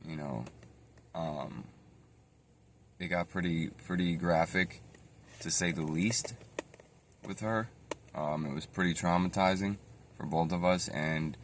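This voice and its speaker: A man telling his own life story in a casual, rambling way, with many fillers and self-corrections, going quiet and subdued at times. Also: low voice, slow pace, pauses often, slight background noise.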